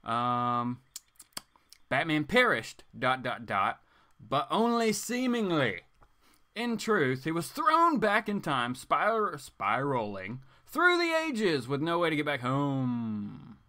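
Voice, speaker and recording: On his comics livestream, this host chats casually, then turns dramatic for the read-aloud bits. His voice is a little high, bright, and forceful. He speaks slowly, with huge swings in pitch.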